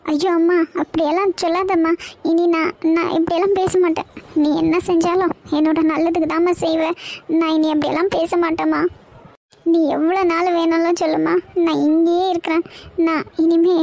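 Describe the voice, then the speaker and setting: Young daughter, remorseful, pleading, very high-pitched, TV serial. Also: female voice, flat delivery, a little fast, darkish tone. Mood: apologetic. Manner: pleading, apologetic.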